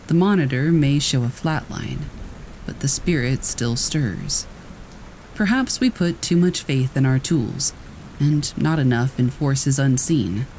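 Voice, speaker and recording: A man reading first-person scary stories aloud in a steady, measured storytelling voice. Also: medium pitch, slight background noise, poor audio. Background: rain.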